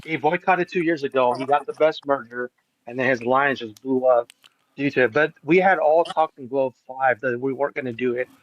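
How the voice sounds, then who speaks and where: A man's voice: medium pitch, moderate pace. A man explaining insistently during a casual stream chat, heard through a dull lo-fi microphone. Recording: dull dry lo-fi mic.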